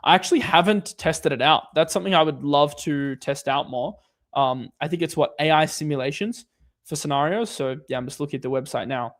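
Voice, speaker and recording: A man's voice: fairly high pitch, brisk, fairly bright tone. A man hosting a casual livestream Q&A, answering viewer questions in a loose, rambling way with lots of fillers and restarts.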